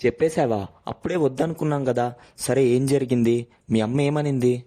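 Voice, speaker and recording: A man playing a calm, principled young man who reasons gently in a storybook drama. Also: mid-range voice, a little fast, close to an everyday voice. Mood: steady.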